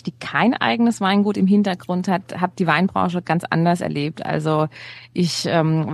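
A woman's voice: lowish voice, no room sound. A woman from the Palatinate, a guest winemaker, chatting over a remote call line that cuts in and out. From Palatinate, Germany. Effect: choppy remote call line that cuts in and out. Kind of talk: casual podcast chat.

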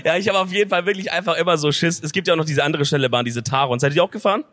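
A young man co-hosting a live podcast on stage, telling a story in excitable, slangy casual chat. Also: a little high, racing, heavy background noise. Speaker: podcast co-host. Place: stage in a concert venue. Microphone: handheld stage mic.

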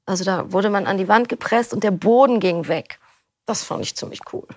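Talking a little fast in a medium-pitched voice, a middle-aged audiobook narrator appearing as an interview guest gives reflective, meandering answers and often restarts what she's saying. The recording is studio quality and free of echo.

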